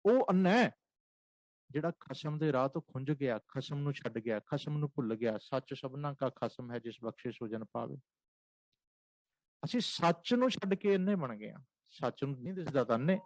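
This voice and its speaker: A man with a Punjabi accent preaching a Sikh sermon, chanting scripture lines slowly and repeating short phrases for emphasis. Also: medium pitch, darkish tone, no echo, rough recording.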